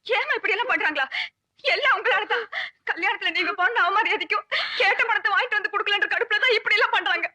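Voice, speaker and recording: Crying, beaten wife. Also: female voice, very high voice, fast, pushed and bright, exaggerated voice. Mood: tearful. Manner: crying while complaining. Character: beaten wife, tearful and bitter.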